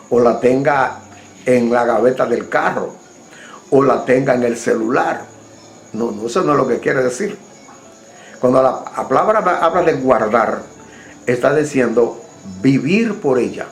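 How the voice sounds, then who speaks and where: Predicador de hablar pausado, con eco. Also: male voice, medium pitch, roomy sound, low-quality recording. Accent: Dominican Spanish. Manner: asks the listeners direct questions. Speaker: preacher. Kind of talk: sermon.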